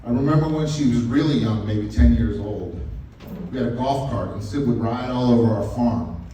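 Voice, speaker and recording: At a wedding reception in a large, echoing event room, a father of the bride aged 50 or older delivers a folksy, wry, sentimental speech. He speaks at normal speed in a mid-range voice with a dark tone, captured by a distant mic amid the noisy echo.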